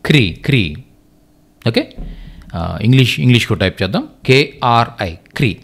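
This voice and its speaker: A man with a Telugu accent teaching Hindi letters, sounding out syllables slowly and often checking that his students understand. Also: medium pitch, expressive, gravelly. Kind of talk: language lesson explaining letters.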